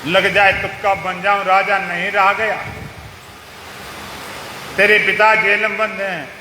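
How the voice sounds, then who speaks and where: A man's voice: high-pitched, little pitch movement, a little slow, bright, forceful tone, roomy sound, in a large hall, slight background noise, full character voice, rough recording. A man preaching voices a group of male court scholars who mock and taunt a boy. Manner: mocking, taunting. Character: mocking court scholars, men, jeering.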